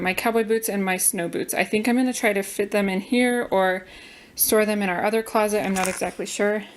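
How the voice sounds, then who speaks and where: A young woman from Colorado, chatting casually through a home organizing vlog with frequent ums and likes. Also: mid-range voice. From Colorado, USA. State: slightly out of breath. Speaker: vlogger.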